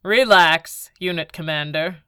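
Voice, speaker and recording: A man's voice: a little high, measured pace, bright, forceful tone, clear, resonant tone, dry recording, clean studio sound. A woman reading a cold, condescending baron. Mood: dry. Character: contemptuous scheming middle-aged male baron.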